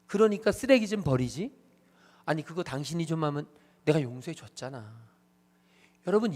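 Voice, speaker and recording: A man preaching a sermon as pastor, emphatic, repeating phrases and speaking straight to the congregation. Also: sits high.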